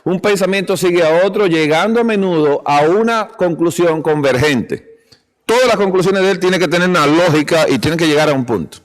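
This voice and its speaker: A man preaching at a church health seminar, telling stories with acted quotes and chuckling often. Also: a little high. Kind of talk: sermon-style seminar talk. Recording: long hall reverb.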